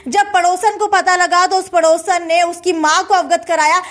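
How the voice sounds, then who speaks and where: Very high-pitched woman reading breaking news. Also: steady tone, moderate pace, fairly bright tone. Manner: repeats filler phrases between news items. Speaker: local news presenter. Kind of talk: breaking news bulletin, semi-formal spoken delivery.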